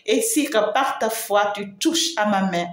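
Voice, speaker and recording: A woman's voice: medium pitch, slow pace. A woman spiritual medium giving an emphatic, repetitive live-streamed talk, addressing her viewers fondly. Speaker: spiritual medium and channel host. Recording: roomy echo.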